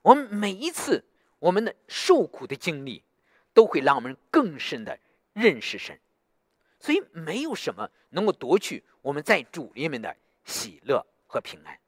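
A man's voice: fairly high pitch, breathy edge, no echo, clean studio sound. A man preaching a sermon, telling a story and often asking the listeners to agree. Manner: animated, asks listeners for agreement.

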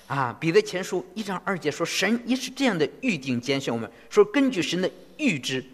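A man interpreting a sermon phrase by phrase in an animated way. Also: sits high, brisk. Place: church hall. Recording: long reverb of a church hall.

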